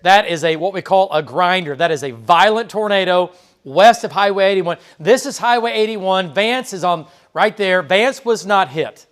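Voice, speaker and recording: Live from a TV weather studio, a meteorologist tracks a tornado on radar, talking loosely with fillers and quick "okay?" checks. His voice is a bit bright and a touch higher than most men's.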